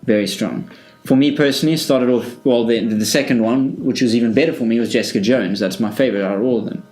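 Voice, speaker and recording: Opinionated man, podcast co-host, mid pitch. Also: quick pace, darkish tone, faint music behind, low-quality recording. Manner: opinionated, thinks aloud with restarts. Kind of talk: casual chat.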